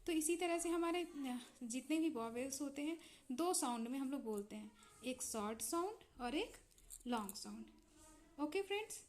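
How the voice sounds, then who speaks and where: High-voiced Indian woman teaching phonics. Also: lively intonation, normal speed, a little mellow. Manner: patient, repeats and checks with "है ना?". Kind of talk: explaining English phonics in Hindi.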